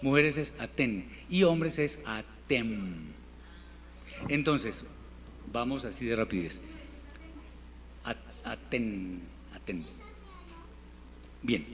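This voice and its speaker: A man teaching a Hebrew class in Spanish, patiently repeating words slowly for his students. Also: medium pitch, expressive, a bit bright. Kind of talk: classroom language lesson. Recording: reverberant hall, faint room noise.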